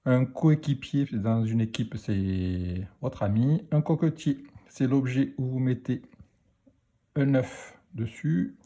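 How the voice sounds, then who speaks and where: A man teaching a phonics lesson to children, speaking slowly and deliberately as he spells out letters and sounds. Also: medium pitch, mellow.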